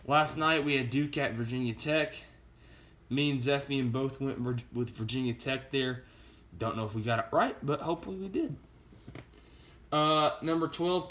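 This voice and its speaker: A man's voice: mid-range voice, a little hiss or hum. Man with a groggy morning voice. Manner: relaxed, hesitant, lots of uh fillers. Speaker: sports picks vlogger. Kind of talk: casual picks rundown.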